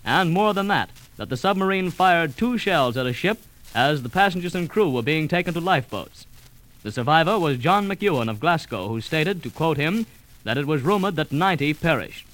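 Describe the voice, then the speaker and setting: A man reading a 1939 radio news bulletin in a formal, measured way. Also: on the high side, lively intonation, fairly bright tone, low-quality recording. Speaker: news announcer.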